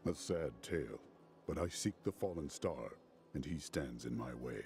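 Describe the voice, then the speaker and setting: A man's voice: lively intonation, moderate pace, darkish tone, slight background noise. An actor playing a stern, resolute male warrior hero in a video game, speaking tersely. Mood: grim. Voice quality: very deep, terse.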